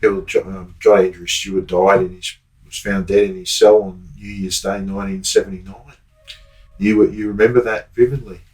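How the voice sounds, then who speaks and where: A man's voice: low voice, flat delivery, brisk, rough recording. An Australian man hosting an interview, prompting his guest with short questions and interjections. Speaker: podcast host. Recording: background music bed.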